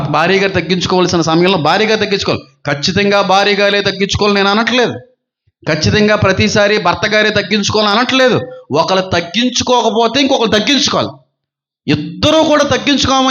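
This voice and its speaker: A male pastor with a high voice delivers a sermon, driving his points home with strings of repeated rhetorical questions. The recording sounds dull and lo-fi. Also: fairly bright tone.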